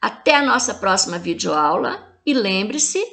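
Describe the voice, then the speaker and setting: A woman teacher with a Brazilian Portuguese accent, giving a recorded video lesson to young pupils. She walks through the homework step by step and talks to the children warmly and affectionately. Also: mid-range voice, very animated, measured pace. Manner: clear step-by-step instructions. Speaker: primary school teacher.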